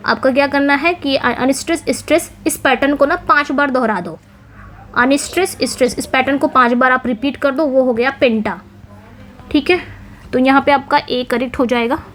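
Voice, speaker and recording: A woman teaching an English exam-prep lesson, explaining answers step by step and reading English phrases slowly. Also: high-pitched, a little hiss or hum.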